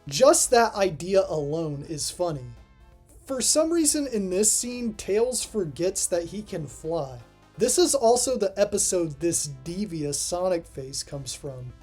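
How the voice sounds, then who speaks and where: A mid-pitched host records a scripted review voice-over against music, keeping it casual and dry with offhand asides, like working down a ranked list of cartoon episodes. The delivery is sing-song and measured, with a warm, slightly breathy tone.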